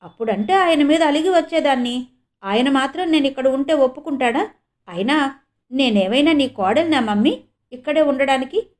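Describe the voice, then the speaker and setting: A woman's voice: sits high, animated, normal speed, pitched above the performer's own voice. A woman voicing a sulky grown daughter who speaks in an indignant, complaining way. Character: sulky grown daughter visiting her mother.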